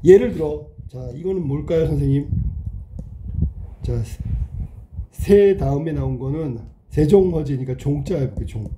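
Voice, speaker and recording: A male teacher lecturing a class in a very dark, mellow voice. He keeps checking understanding with quick questions. A faint hiss sits under the recording. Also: a little high. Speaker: Korean language teacher. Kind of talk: classroom lecture, explaining while writing.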